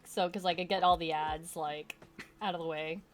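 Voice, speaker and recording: A woman's voice: lowish voice, fairly even intonation, normal speed. Rambling woman streamer. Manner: rambling, restarts words. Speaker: streamer and player. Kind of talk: casual chat.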